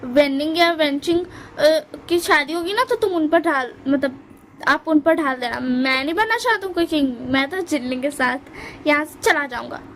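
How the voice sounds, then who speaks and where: A woman's voice: high voice, lively intonation, moderate pace, fairly bright tone, slight background noise. A woman voicing a cheerful, eager teenage boy who pleads and chatters.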